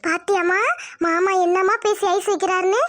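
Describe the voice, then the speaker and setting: A woman's voice: extremely high pitch, steady tone, normal speed, fairly bright tone, no room sound, clean studio sound. A woman voicing a spiteful, jealous young village woman in a cartoon, mocking and scheming. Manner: mocking, scheming whispers aside. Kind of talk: cartoon dubbing.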